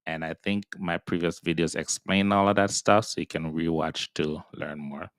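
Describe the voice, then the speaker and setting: A man's voice: low voice, steady tone, normal speed, no room sound, studio quality. A man teaching Hebrew reading in a patient, step-by-step pronunciation lesson, sounding out syllables and repeating them.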